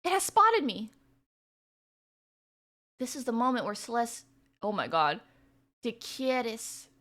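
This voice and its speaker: A woman's voice: fairly high pitch, wildly swooping pitch, measured pace, bright, forceful tone. A young woman streaming a game, reading the story text aloud and chatting between lines in a bubbly way. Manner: bubbly and chatty, laughing often. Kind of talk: live-stream playthrough, reading visual novel text aloud.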